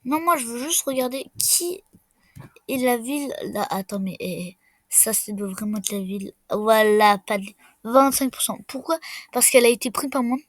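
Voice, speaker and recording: Excitable young woman gaming YouTuber. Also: a little high, normal speed, no room sound. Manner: excitable, swears, swings between loud outbursts and muttering. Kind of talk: casual let's-play commentary.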